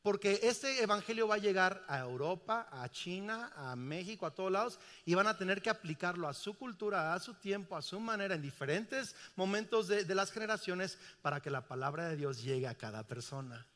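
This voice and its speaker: High bright-voiced pastor preaching. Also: male voice, expressive, fairly quick, hardly any pauses. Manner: emphatic, asks the congregation questions. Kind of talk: sermon. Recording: reverberant church hall.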